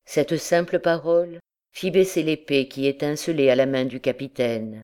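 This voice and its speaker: A woman reads a classic novel aloud as audiobook narration. Her reading is calm and even, moving steadily through long descriptive passages. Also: deep voice, normal speed. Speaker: audiobook reader.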